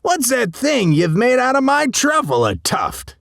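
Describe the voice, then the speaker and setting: Man playing a bossy, high-pitched little old forest creature. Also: huge pitch swings, unhurried, no echo, clean studio sound, exaggerated voice. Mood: outraged. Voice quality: sharp. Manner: bossy, emphatic. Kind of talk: animated storybook read-along.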